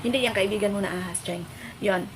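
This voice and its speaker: A hoarse woman vlogger, chatting casually to her viewers and constantly calling them pet names. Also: medium pitch, fast talker, background noise.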